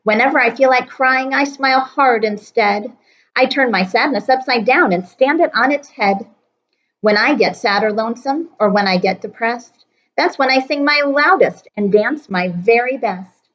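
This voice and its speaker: A woman's voice: a little high, normal speed, fairly bright tone, highs cut off, natural voice. A woman voicing a cheerful, determined male court jester in a rhyming storybook, in a near-natural voice. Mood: earnest. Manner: rhyming storybook speech, earnest.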